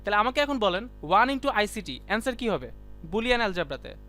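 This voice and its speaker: A high-pitched man with a bright, sharp tone teaching a live class. He talks casually and keeps calling on students to answer. Soft music plays faintly behind him. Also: sing-song, quick pace. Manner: chatty, quizzes students by name; colloquial, keeps saying "done" and "see". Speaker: ICT teacher.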